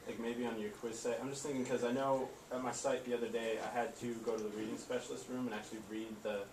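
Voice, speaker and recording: A man's voice: medium pitch, little pitch movement, fast talker. A man student asking questions in class, hesitant and full of filler words. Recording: echoey classroom, mic far off, noisy.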